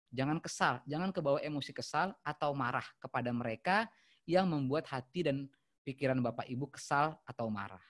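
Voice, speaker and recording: A man teaching a workshop who talks straight to his audience and acts out example calls. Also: fairly high pitch. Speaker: trainer. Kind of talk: workshop lesson on phone etiquette.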